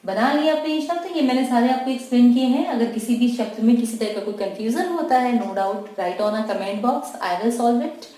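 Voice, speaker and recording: A woman teaching shorthand, slowly and patiently explaining each word. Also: a little high, mellow. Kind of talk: slow dictation-style shorthand lesson. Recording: echoey room, mic far off, faint noise.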